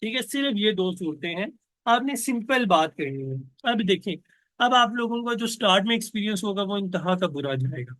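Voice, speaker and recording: A man giving a relaxed step-by-step lesson, checking in with the listener often and slowing down to model sample call lines in English. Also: high-pitched, dry recording, rough recording. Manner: conversational, explains step by step with frequent checks like 'okay'; slows right down when acting out sample English call lines. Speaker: online business trainer. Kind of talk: instructional talk.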